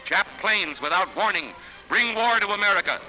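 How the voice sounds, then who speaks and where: A man's voice: high voice, expressive, normal speed. A man giving dramatic, emphatic 1940s narration on an old newsreel soundtrack. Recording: dull lo-fi 1940s film soundtrack with music.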